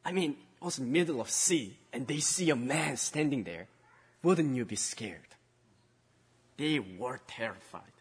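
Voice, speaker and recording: A male pastor giving a children's sermon, storytelling and swinging between loud emphasis and hushed tones. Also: mid-range voice, lively intonation, measured pace, husky, big-room sound.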